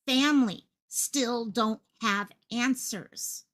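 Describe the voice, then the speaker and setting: This woman's voice is on the high side and fairly bright, and she speaks slowly. Hosting her own channel, she offers impassioned livestream commentary, repeating phrases for emphasis and projecting like a stage actor.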